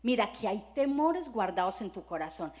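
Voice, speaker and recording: A woman's voice: mid-range voice, very animated, normal speed, darkish tone. A middle-aged woman pastor preaching a sermon, telling personal stories and acting out scenes as she goes. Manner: storytelling, acts out scenes with sound words.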